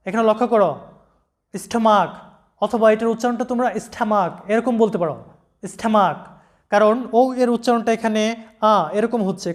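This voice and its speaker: A man giving a slow, deliberate vocabulary lesson, spelling out letters and repeating each word. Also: sits high. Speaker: English pronunciation teacher.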